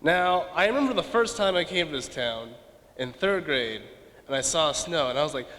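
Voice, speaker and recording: A young adult student from Las Vegas, Nevada, gives a self-deprecating speech full of joking asides at a donor event. His voice is on the high side, expressive and a bit bright, at a normal speed, in a reverberant hall.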